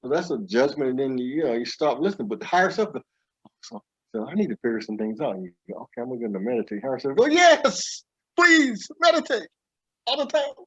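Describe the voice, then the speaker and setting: A man's voice: mid-range voice, expressive, fast talker, a little mellow, husky. A man talking casually as a spiritual teacher, rambling with many restarts and acting out little inner voices. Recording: dull lo-fi recording.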